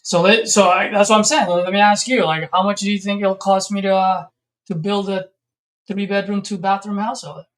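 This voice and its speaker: A man, a real estate investor, on a casual sales call with a seller, friendly and joking while he pushes for a lower price. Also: steady tone, fairly quick. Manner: friendly, pushy haggling, jokey.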